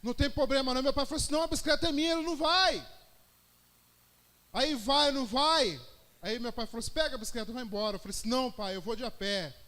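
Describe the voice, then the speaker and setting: Very high-voiced Brazilian preacher. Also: male voice, fast talker. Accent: Brazilian Portuguese. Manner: testimony-style storytelling, rising to shouted praise. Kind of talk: sermon.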